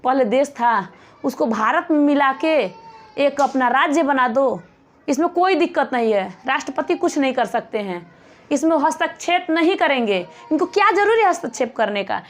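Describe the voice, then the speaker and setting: A woman teaching a lesson in a high, bright-pitched voice. She asks rhetorical questions and circles back over each point slowly, like a coaching-class teacher explaining to students. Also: lively intonation. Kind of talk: classroom lecture.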